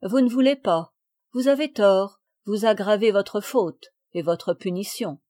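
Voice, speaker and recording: A stern, composed noble lady, as a woman narrator puts her on hands out a punishment in a measured, cold, formal voice. Her pitch sits in the middle of a woman's range. The voice is dry and close, as in a storybook reading. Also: a little mellow, no echo, lightly acted. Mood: stern calm. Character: calm stern aristocratic lady guardian.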